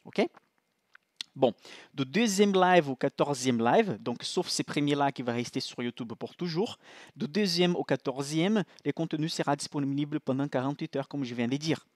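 In a studio-quality recording with no echo, a financial analyst hosts an investing livestream in a casual, talkative manner. He speaks with a Brazilian accent, Portuguese being his native language, at normal speed in a slightly high voice, often restarting and checking in with repeated "ok?"

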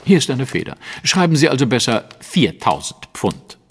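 In a German audio drama, an actor plays a composed, commanding Victorian detective, speaking precisely with theatrical authority in a brisk, assured mood. His husky, medium-pitched male voice has a sing-song lilt at normal speed and a long reverb tail. Music plays behind him.

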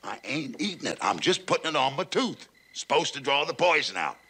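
A stubborn backwoods cowboy in an old television western. His folksy, ungrammatical talk is very sharp and gravelly, and his pitch moves around a lot. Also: sing-song, brisk, full character voice. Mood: weary, patient. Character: rustic, unschooled cowboy, peevish, stubborn, long-suffering. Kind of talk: 1960s television western acting.

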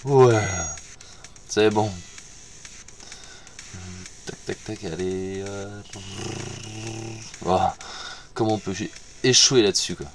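A man's voice: fairly low pitch, slow, pauses often, slight background noise. A man gives casual commentary over his gameplay, muttering to himself, repeating words and swearing when he fails. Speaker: gamer playing on stream.

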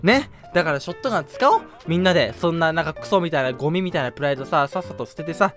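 Excitable young man, high lively voice. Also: racing, soft background music. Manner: excitable, rambling, frequent shouting and laughing. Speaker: gaming video creator. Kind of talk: casual game commentary.

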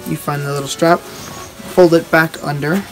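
A young man with a somewhat high voice hosts an informal demonstration. He explains things step by step in a halting, casual way while his hands are busy. He is outdoors, a short way from the camera, with music behind him. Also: fairly even intonation, rough recording. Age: teenager or young adult. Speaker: video host. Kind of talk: casual explanatory show-and-tell. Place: outdoors on a wooden backyard deck.

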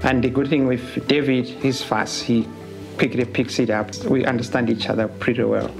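A man's voice: mid-range voice, flat delivery, moderate pace, creaky. A man who works as an oxygen engineer, telling his story plainly in a documentary interview indoors. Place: indoor room. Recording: interview with music bed behind.

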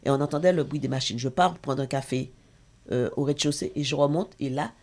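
A woman's voice: a bass voice, brisk, darkish tone. A middle-aged woman, a talk show guest and association president, giving an intense, emotional personal testimony with hesitations.

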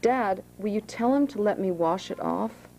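A woman reading the lines of an anxious young woman pleading with her family, her voice a little higher and urgent. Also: normal speed, mellow, slight background noise, close to an everyday voice, poor audio. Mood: alarmed.

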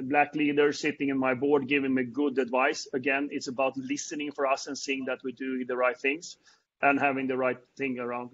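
A middle-aged man with a Swedish accent, hosting a panel on a video call and speaking haltingly with many fillers and restarts. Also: medium pitch, a bit bright. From Sweden. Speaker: panel host. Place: indoors before a branded backdrop. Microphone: earbuds on a video call. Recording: dull lo-fi video-call audio.

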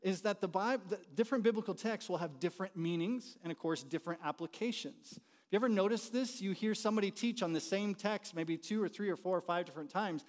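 A middle-aged American man, born in the US and partly raised in Haiti, gives an informal teaching talk from the front of a large church auditorium by the stage, often asking the audience questions. A university dean, teacher and conference speaker, he talks quickly in a high voice, and the hall sound is reverberant.

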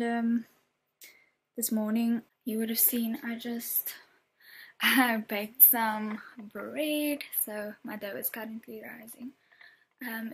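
A woman's voice: a little high, husky. A woman from South Africa chatting casually in a home vlog, rambling with lots of ums and yeahs while filming her living room on a handheld camera. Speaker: lifestyle vlogger.

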